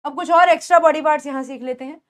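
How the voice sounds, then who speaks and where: Young female English teacher, Indian accent, high bright pitch, patient classroom drilling of vocabulary. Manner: explains in Hindi mixed with English, repeats words slowly for pronunciation. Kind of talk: spoken English lesson for beginners.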